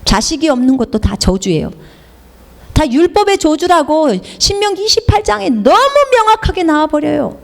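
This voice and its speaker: A woman's voice: high-pitched, lively intonation, normal speed, vocal fry. A middle-aged woman missionary preaching a sermon, repeating key phrases emphatically and leading the congregation in call-and-response.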